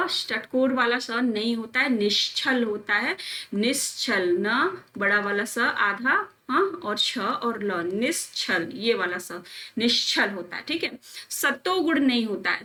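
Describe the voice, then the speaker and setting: A woman's voice: fairly high pitch, a bit bright. Woman teacher drilling spellings. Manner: drills words by repeating them slowly; calls students friends and children, coaxing. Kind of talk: exam-prep spelling lesson.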